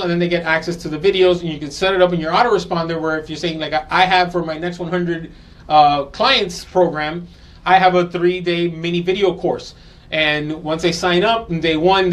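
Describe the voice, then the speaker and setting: Male host, high voice, chatty, repeats himself; marketing how-to talk. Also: fairly bright tone. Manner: conversational, repeats himself, many ums. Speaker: podcast host.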